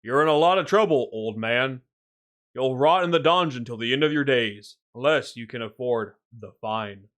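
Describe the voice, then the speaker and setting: A man's voice: mid-range voice, normal speed, fairly bright tone, natural voice. A man playing a stern guard captain. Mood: commanding. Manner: commanding and clipped.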